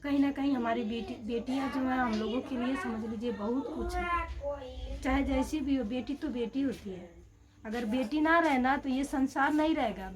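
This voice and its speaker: A woman's voice: sits high, moderate pace, crowd noise. A woman vlogger, talking earnestly and heartfelt to her viewers. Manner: earnest, heartfelt, repetitive coaxing. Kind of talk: casual talk to camera.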